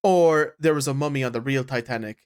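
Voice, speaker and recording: A man's voice: mid-range voice, fairly quick, clear, resonant tone. A man doing casual, joking game commentary, rambling and incredulous, with some swearing. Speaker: game streamer.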